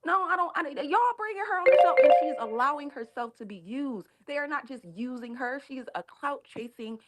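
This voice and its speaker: Sassy woman caller, lively pitch swings, dramatic delivery. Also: moderate pace, soft background music. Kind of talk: call-in opinion.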